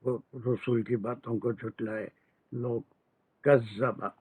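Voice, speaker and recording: A man's voice: medium pitch, steady tone, slow, a little mellow, breathy edge, no echo. A man teaching grammar in an online class, patiently drilling verb forms and slipping into English phrases. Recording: dry, tinny phone-like audio.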